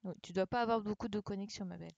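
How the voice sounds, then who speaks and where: A woman's voice: mid-range voice, rapid-fire, vocal fry, a little mellow, dry recording, muffled recording. A woman teaching young pupils over a live stream, correcting a dictation and spelling words out letter by letter with a patient, checking manner. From France. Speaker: primary school teacher. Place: home setup for an online class. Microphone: computer microphone for a live stream.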